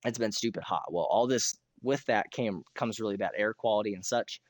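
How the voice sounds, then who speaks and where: An American man with a hoarse, rough throat, chatting casually and ramblingly as he hosts a gaming livestream, often clearing his throat. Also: lowish voice, moderate pace, dry recording, clean studio sound. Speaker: streamer hosting a Minecraft realm.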